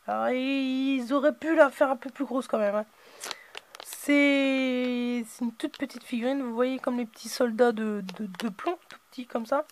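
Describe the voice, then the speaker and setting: A man hosting a casual unboxing video, hesitant and filling his pauses with "euh" and "voilà". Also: extremely high pitch, steady tone, slight background noise.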